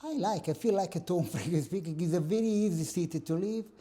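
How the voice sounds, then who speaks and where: A middle-aged man from northern Italy speaks with an Italian accent in a high, mellow voice at a quick pace. He's a guest professor in a casual interview, making dry, self-mocking jokes, recorded in a small office room.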